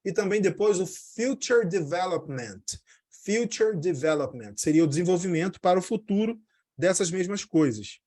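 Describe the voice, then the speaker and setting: A man with a fairly high voice gives a casual English lesson. His first language is Portuguese. He chats through his explanations quickly, then slows down to say each English word carefully and repeat it. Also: expressive, warm tone. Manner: explains in Portuguese, says English words slowly and repeats them. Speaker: English teacher.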